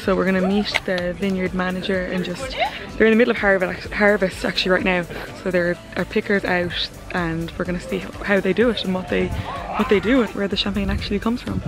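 A woman's voice: medium pitch, fairly even intonation, brisk, over music, poor audio. A woman narrating a travel vlog in a chatty, gushing way, full of "like" fillers. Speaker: travel vlogger. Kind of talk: casual vlog narration to camera.

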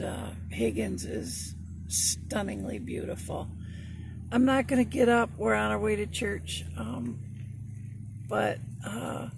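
Woman vlogger, casual rambling chat, losing her voice, heavy vocal fry, noticeable background noise. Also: medium pitch. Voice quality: gravelly, creaky voice. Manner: rambling, with many ums and restarts.

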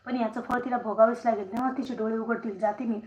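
A woman's voice: a little high, fairly even intonation, fast, a little mellow, natural voice. A woman voicing an angry poor old woman, a goddess in disguise, in a storybook tale, scolding and indignant. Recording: roomy echo, faint noise.

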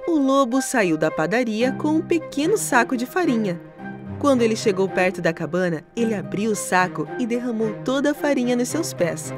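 A woman narrating a cartoon story for children in an expressive, animated storytelling manner. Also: on the high side, normal speed. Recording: narration with music underneath.

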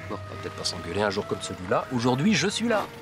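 Colloquial middle-aged cop dad, music behind. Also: male voice, fairly low pitch, huge pitch swings, fast talker. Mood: wry, casual. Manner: colloquial, coaxing. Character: easygoing middle-aged plainclothes cop and father, placating. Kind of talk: French TV film drama acting.

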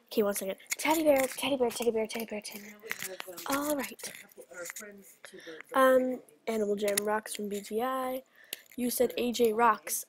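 A teenage girl hosting a casual video, chatting bubbly and quick while reading out game messages. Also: on the high side, creaky. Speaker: channel host.

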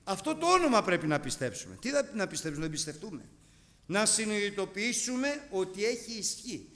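A middle-aged man preaching with a high voice that swings widely in pitch. He tells vivid stories and acts them out with sound effects. The recording carries a long hall reverb. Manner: animated, storytelling with sound effects. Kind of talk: sermon.

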